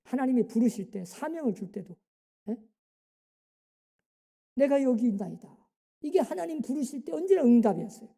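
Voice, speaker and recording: A woman pastor preaching a sermon, driving her points home with rhetorical questions and quick interjections to the congregation. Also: sits high, sing-song, dark tone. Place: church sanctuary. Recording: long hall reverb in a church.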